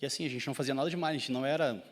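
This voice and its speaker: A male pastor with a southern Brazilian Gaúcho accent delivers a sermon, his mid-pitched voice rising in force at key points and asking his listeners questions. Long reverb trails behind him from a church hall. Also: very fast. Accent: Gaúcho Brazilian Portuguese. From southern Brazil (Rio Grande do Sul). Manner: preaching with swells of intensity, asking the congregation questions.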